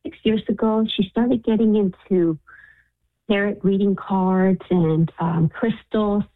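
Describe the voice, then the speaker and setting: A woman's voice: medium pitch, steady tone, slow pace. A middle-aged woman calling in over a speakerphone or Bluetooth line that is hard to hear, talking hesitantly with many fillers. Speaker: caller to a radio show. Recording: thin phone line, dry.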